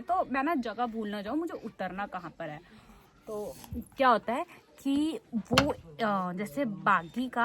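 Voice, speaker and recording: A young adult woman vlogger telling a travel story in a casual, animated way, full of fillers. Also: on the high side, background noise.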